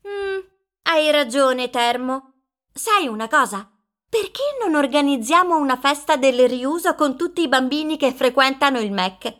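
Nix, high-pitched bubbly cartoon girl. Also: unhurried. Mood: thoughtful, eager. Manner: bubbly, expressive. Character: Nix, cheerful young girl hero who loves fashion. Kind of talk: children's cartoon podcast acting.

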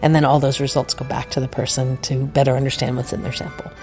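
A woman giving a thoughtful, earnest explanation as an interview guest, in a measured way. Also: very deep voice, little pitch movement, music in the background.

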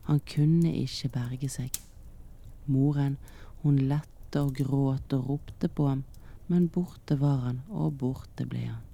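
A man reading a fairy tale aloud slowly and softly, often half-whispering. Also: mid-range voice, fairly even intonation, creaky. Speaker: storyteller. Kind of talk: slow whispered storytelling for relaxation.

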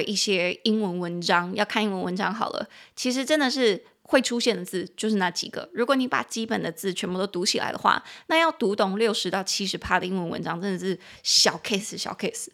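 A woman's voice: creaky, fairly bright tone. Chatty Taiwanese woman teaching English. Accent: Taiwanese Mandarin. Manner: chatty, laughs often, acts out quoted friends in a higher voice. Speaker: podcast host and English teacher. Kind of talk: casual podcast lesson.

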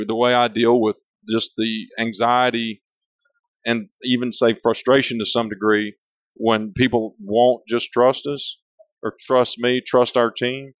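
The guest, a man who heads a company, speaks in an unhurried, steady, mid-range voice with no echo. It's a casual, candid interview, and his big voice and big personality show as he rambles and keeps restarting his sentences.

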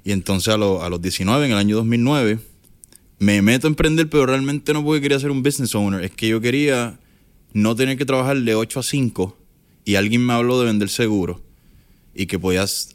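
A man in his thirties from Puerto Rico with a Puerto Rican accent, a guest talking casually about his life and money, dropping English words and restarting often. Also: fairly low pitch. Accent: Puerto Rican Spanish. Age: 30s. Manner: mixes English words, many restarts and fillers. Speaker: guest entrepreneur. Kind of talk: casual interview talk.

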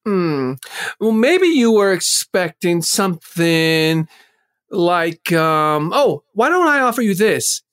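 A woman's voice: fairly low pitch, sing-song, slow. A woman playing a sugary, passive-aggressive diner waitress with a Southern accent and folksy, syrupy manner, in improvised comedy. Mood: politely hostile. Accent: American South. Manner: folksy, syrupy, hesitant repetitions.

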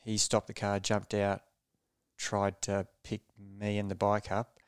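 Low, even-toned man. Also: smooth, no room sound. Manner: measured and low-key, often restarting phrases. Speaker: podcast guest, former racing cyclist. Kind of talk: reflective storytelling in a podcast interview.

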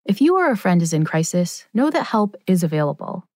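A woman's voice: on the low side, big pitch swings, fairly quick, a little mellow, dry recording, clean studio sound. A woman hosting a podcast in scripted, explanatory narration. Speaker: podcast host.

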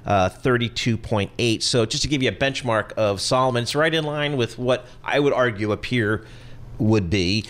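A man co-hosting a business show, asking casual questions with quick asides. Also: medium pitch, fairly bright tone. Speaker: co-host.

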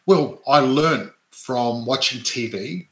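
This Adelaide real estate investor co-hosts a relaxed podcast, speaking slowly at medium pitch, restarting often and ending statements with "right?". English wasn't his first language, as his parents were immigrants, and the recording sounds roomy and low quality.

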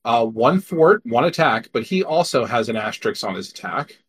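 A man co-hosting a podcast in casual chat, reading card text in a deadpan way. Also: mid-range voice, moderate pace, slight background noise. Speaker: podcast co-host.

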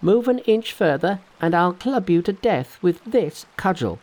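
A male storyteller voicing a bold, fierce male monkey hero who commands and threatens loudly. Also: high-pitched, lively intonation, a little slow, voice pushed up, full character voice. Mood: brusque, fierce.

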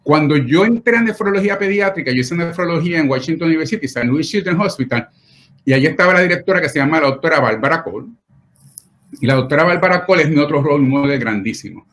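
Earnest man, slightly high voice. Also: expressive, fast talker, a bit bright. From Puerto Rico. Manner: emotional, earnest, with frequent tag questions. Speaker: pediatric nephrologist. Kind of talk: personal storytelling in an interview.

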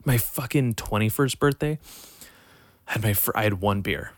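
A man's voice: on the low side, moderate pace, dry recording. Swearing, rambling young man, dry sound. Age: 20s. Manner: swears freely, rambling and joking. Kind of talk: casual chat.

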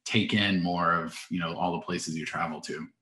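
Lower-voiced man in an echoey room. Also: steady tone, moderate pace, pushed and bright. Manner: reflective, thinking aloud with fillers. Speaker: co-host. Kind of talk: casual interview chat. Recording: roomy echo.

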